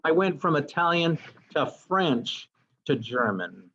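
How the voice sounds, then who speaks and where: A man's voice: on the high side, big pitch swings, slow pace, slight background noise. A male music teacher giving a classroom lecture, explaining as he goes with fillers and self-corrections. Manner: explanatory, thinking aloud with fillers and asides. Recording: dull lo-fi sound with loud guitar and instrument music.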